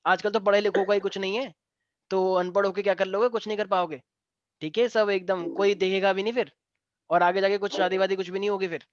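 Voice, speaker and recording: A man's voice: sits high, little pitch movement, a little fast, no echo. A man in his twenties, a physics teacher running an online class, teasing his students between explanations. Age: 20s. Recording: dull dry online class audio.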